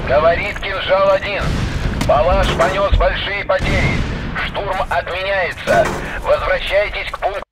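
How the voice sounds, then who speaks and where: High-pitched military commander amid loud gunfire. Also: male voice, fairly even intonation, unhurried. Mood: urgent, commanding. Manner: clipped, formal, procedural. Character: male military commander radioing assault orders, brisk, stern. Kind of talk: scripted military radio dialogue. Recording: battle noise of gunfire and vehicles. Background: loud gunfire, artillery, vehicles.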